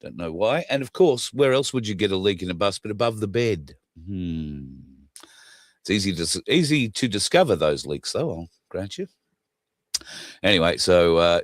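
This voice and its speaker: A man's voice: low voice, dry recording, studio quality. A wheezy man with a chesty cough, chatting casually and ramblingly as host of a livestream. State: chesty cough, getting over flu. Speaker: show host.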